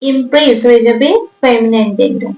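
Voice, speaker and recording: A woman teacher going through exam answers, reading English prompts slowly, explaining them in Bengali and spelling words out letter by letter. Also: fairly high pitch, darkish tone. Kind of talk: exam answer walkthrough lesson. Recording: echoey room.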